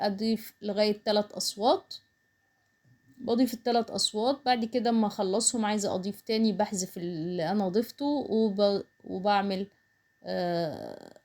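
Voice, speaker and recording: An online tutorial instructor with an Egyptian Arabic accent speaks at medium pitch in a slightly mellow voice. She casually walks through a screen tutorial step by step, explaining as she goes and mixing in English terms.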